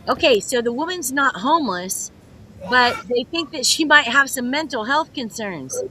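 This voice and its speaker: A woman's voice: high-pitched, big pitch swings, bright, forceful tone, slight background noise, poor audio. A woman hosting a comedic news roundup over a video call, chatty and sarcastic as she reads headlines. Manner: chatty, sarcastic, quick to joke. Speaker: host.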